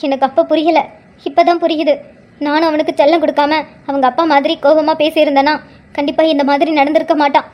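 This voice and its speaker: A woman voicing an older grandmother and mother-in-law who speaks softly and sorrowfully, full of guilt. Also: high voice, flat delivery, quick pace, close to an everyday voice. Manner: soft, pleading and sorrowful. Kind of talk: cartoon drama voice acting.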